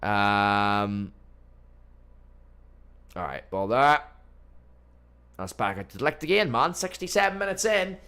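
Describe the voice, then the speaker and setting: A man's voice: fairly low pitch, slow, pauses often, clear, resonant tone. A young man hosting a live football watchalong from his home streaming room, chatting to viewers and reacting to the match. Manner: chatty, addresses chat as boys and mate, bursts into excited match reactions. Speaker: livestream watchalong host.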